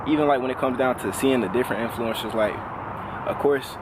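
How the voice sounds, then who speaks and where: A man of twenty talking casually and reflectively as a vlogger, relaxed and full of fillers. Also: mid-range voice, fairly quick, heavy background noise. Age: 20s. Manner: relaxed, conversational, lots of "like" fillers.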